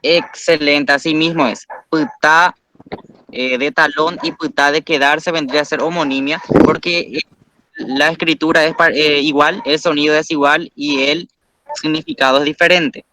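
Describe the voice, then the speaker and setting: A man's voice: a little high, fairly even intonation, moderate pace, bright, forceful tone, slight background noise. A man teaching a language class, explaining patiently step by step and praising students.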